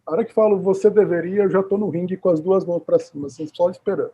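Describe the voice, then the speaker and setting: A man hosting an interview, chatting in a relaxed conversational way. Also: high voice, racing, breathy edge. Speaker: host. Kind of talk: casual interview chat. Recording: dull, muffled sound.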